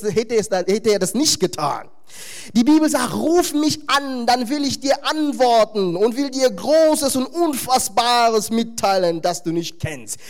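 Animated high-voiced male preacher. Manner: animated, emphatic, with wry humorous asides. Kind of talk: sermon.

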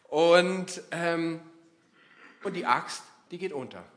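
Male preacher, slightly higher voice, chatty sermon delivery with acted asides. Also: slow pace. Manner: lively, conversational preaching with acted-out inner voices.

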